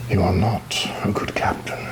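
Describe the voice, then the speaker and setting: Pirate captain, played by a man: whispered ASMR, slow and deliberate, roguish, rum-loving, theatrically wary. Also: deep voice, steady tone. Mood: sly, instructive. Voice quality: breathy whisper. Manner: halting, deliberate, mock-grand phrasing. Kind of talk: whispered ASMR roleplay, addressing the listener.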